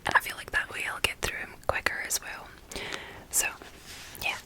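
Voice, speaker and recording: Whispering woman, soft ASMR book chat. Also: normal speed, rough recording. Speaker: ASMR video host.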